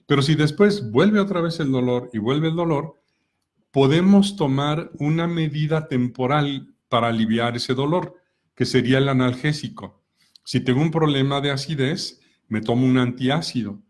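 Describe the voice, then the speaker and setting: A middle-aged man speaks at a medium pitch. He explains calmly and patiently, working through everyday examples. He often pauses to ask his listeners questions. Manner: calm, explanatory, asks many rhetorical questions. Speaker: co-host of a personal growth talk.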